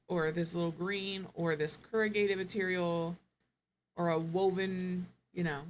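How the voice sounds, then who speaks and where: A woman with a fairly low voice streams live gameplay commentary, thinking aloud as she clicks through options. She muses, trails off and corrects herself in a casual, chatty way. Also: fairly bright tone, slight background noise.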